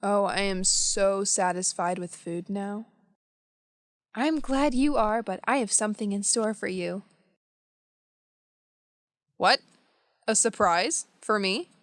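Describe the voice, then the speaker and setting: A woman speaking slowly and carefully in a scripted beginner English dialogue. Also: mid-range voice, dry recording.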